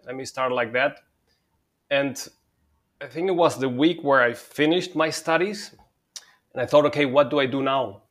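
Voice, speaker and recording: A Spanish man with a slightly high voice and a fairly bright tone is the guest in a conversational interview. He's the CEO of a telecom consulting company, and he walks through his career hesitantly, using lots of fillers and restarting sentences often.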